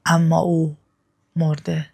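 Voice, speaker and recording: Woman voicing a shamed, halting commander. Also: on the low side, fairly even intonation, darkish tone, close to an everyday voice. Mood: ashamed. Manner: hesitant, halting, subdued. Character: ashamed, fearful male royal commander.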